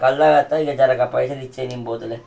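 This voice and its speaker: An actor with a Telangana accent playing a boastful, slurring drunken village husband. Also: male voice, medium pitch, fairly even intonation, fast talker, vocal fry, mellow, natural voice. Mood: grumbling. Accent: Telangana Telugu. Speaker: actor in a village comedy drama.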